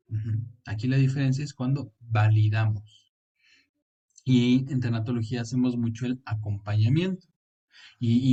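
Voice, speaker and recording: A psychologist explains grief and emotional support in a calm, steady way, often acting out small examples of what to say. His voice sounds mellow and a little dark. He sits some distance from the mic. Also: medium pitch. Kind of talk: explanatory interview talk.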